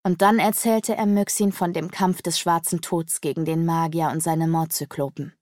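Low-voiced woman narrating a fantasy audiobook. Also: steady tone, darkish tone, no echo, clean studio sound. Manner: measured storytelling. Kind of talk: scripted narration.

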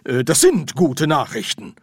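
A big, bluff wizard leader reduced to stammering and hemming, as a male narrator plays him. The voice is loud, husky and dry. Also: medium pitch, big pitch swings, a little slow, no room sound, voice pushed up. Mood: flustered. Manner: stammering, unsure. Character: blunt male archchancellor wizard, flustered.

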